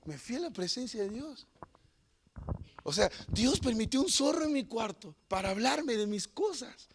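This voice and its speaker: A man pastor preaching a sermon, telling a story with humor and swinging between loud and hushed delivery. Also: extremely high pitch, sing-song, moderate pace, background noise.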